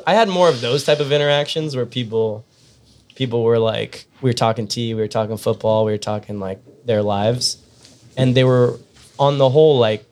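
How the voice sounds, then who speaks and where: A man's voice: fairly low pitch, a little hiss or hum. A man telling long, rambling stories in a casual podcast chat, full of fillers and restarts.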